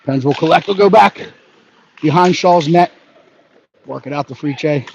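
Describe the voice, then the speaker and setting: A man giving brisk live hockey play-by-play, narrating each pass and leaning toward the home team. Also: on the high side, creaky. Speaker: play-by-play announcer. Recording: dull lo-fi audio with faint background noise.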